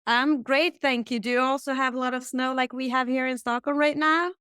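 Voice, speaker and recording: A woman hosting a podcast, reading set interview questions in a steady, bright tone. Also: high voice, fairly quick, clear, resonant tone, no room sound, clean studio sound. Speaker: podcast host. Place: Stockholm.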